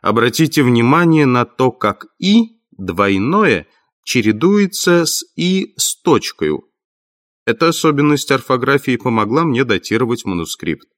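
A man voicing a cool, precise male detective who explains his deductions calmly. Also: medium pitch. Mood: instructive. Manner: calm, measured, coolly confident.

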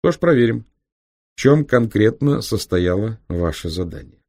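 A man's voice: lowish voice, expressive, normal speed, darkish tone, no room sound, studio quality, pitched above the performer's own voice. A man voicing an indignant doctor in charge. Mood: firm. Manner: agitated, morally outraged. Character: indignant male doctor, mission leader with scruples.

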